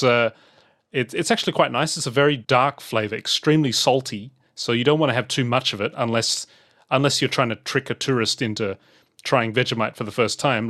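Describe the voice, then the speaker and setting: A man's voice: mid-range voice, a bit bright. A man co-hosting a podcast, chatting in a wry, joking way with frequent restarts. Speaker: podcast co-host. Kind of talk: casual chat.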